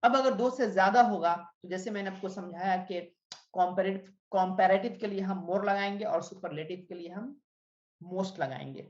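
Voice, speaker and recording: A woman teaching English grammar, reading word lists aloud slowly and clearly and explaining the rules. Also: mid-range voice. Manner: reads word lists aloud, slow and drilled, falls at each line end. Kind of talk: spoken English grammar lesson. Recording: echoey room, dull lo-fi sound.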